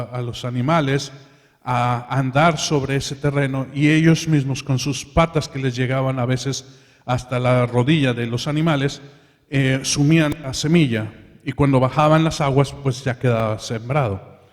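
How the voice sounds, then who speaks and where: A man preaching a sermon in church, calling his listeners brothers and leading them in prayer. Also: mid-range voice. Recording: reverberant hall.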